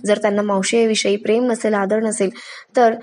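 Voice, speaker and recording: A woman voicing a calm young wife who reasons earnestly about respect. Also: medium pitch, brisk, lightly acted.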